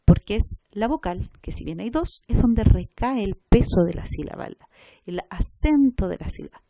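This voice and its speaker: A woman teaches a recorded class, going through each point step by step. Her voice is warm and mellow. The sound is dry and close, with no room echo. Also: medium pitch, lively intonation, moderate pace, gravelly. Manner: explains step by step, checks with "¿ya?".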